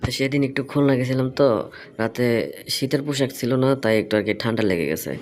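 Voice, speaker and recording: Over a phone line with faint noise, a man chats casually, asking probing questions and explaining himself at length. He has a medium-pitched voice and a quick pace.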